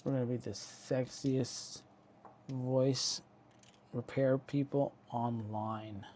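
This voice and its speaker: Mellow-voiced man hosting a repair livestream. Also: mid-range voice, steady tone, slow, a little hiss or hum. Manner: playful, joking with chat viewers; reads viewer chat aloud and answers it. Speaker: electronics repair livestream host. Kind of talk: casual livestream chat while working.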